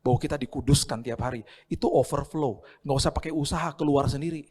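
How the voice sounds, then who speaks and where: A middle-aged male pastor giving a conversational sermon, dropping English phrases in and acting out dialogue in sudden high voices. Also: fast talker, a little mellow, slightly rough. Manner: mixes English phrases into his talk.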